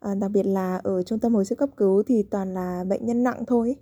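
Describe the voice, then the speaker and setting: A woman hosting a radio program, reading scripted narration and asking questions in a polite, measured way. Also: mid-range voice, fairly even intonation, warm tone, no room sound.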